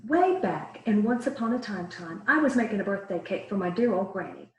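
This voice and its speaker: A woman's voice: mid-range voice, expressive, fairly quick, lightly acted. A woman voicing a chatty male wolf who insists on his innocence in a children's storybook, in a dramatic, confiding and indignant way. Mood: storytelling. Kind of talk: read-aloud children's storybook. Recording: echoey room.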